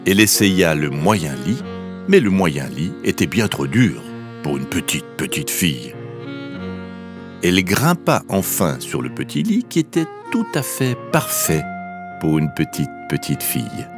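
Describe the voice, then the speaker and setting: A man's voice: low voice, very animated, measured pace, music in the background. A man narrating a children's fairy tale in a lilting, sing-song way, drawing out the repeated phrases. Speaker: storyteller.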